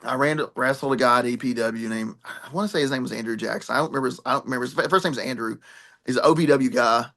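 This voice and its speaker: A man's voice: medium pitch, fast, sharp tone. A middle-aged man, a pro wrestler and trainer, telling rambling, laughing stories in a podcast interview and swearing now and then. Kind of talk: animated storytelling in a podcast interview.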